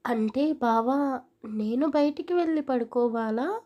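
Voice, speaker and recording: Woman playing a shy young bride, meek, hesitant, high voice, lo-fi. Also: lively intonation, a little slow, slightly rough. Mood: timid. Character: timid, innocent young bride. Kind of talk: audio story acting.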